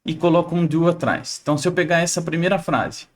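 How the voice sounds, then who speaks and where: A young man from Brazil gives a casual online English lesson, with a voice pitched a bit higher than most men. He explains things chattily, checks in with the listener often, and bends his intonation when he models questions. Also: fairly even intonation, quick pace. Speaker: English teacher.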